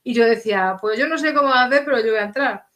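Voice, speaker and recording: A woman's voice: on the high side, very fast, slight background noise. A middle-aged woman, earnestly telling a personal story as an interview guest and acting out the dialogue. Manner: earnest, animated, acts out quoted dialogue.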